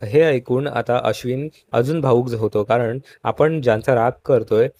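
A man's voice: mid-range voice, moderate pace. Man narrating a TV serial recap. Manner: steady storytelling, addresses viewers as friends. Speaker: show recap host.

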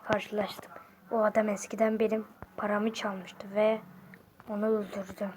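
A man voicing a cold, vengeful killer who speaks in a low, breathy whisper, slow and threatening. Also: fairly bright tone. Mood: menacing whisper.

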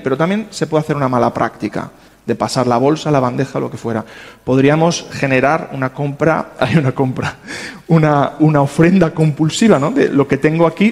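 A man teaches a church class on finances in an easy, conversational way, often pausing to check in with his listeners. His voice sits fairly high, and it rings out with a long reverb that fills the church hall. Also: darkish tone. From Spain. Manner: conversational, checks in with frequent tag questions.

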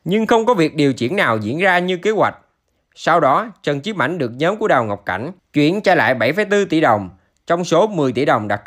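A man narrates a news report from a script. His voice sits fairly high for a man and moves with animated intonation. The delivery is formal, in the manner of a channel news reader.

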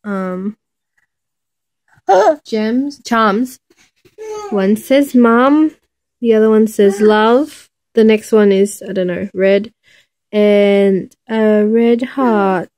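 A young woman in her twenties vlogs casually into a phone held at arm's length, rambling with plenty of fillers and self-corrections. She first shows her packing, then films herself in an airport terminal. Her mid-range voice has a darkish tone, and she talks very slowly with long pauses.

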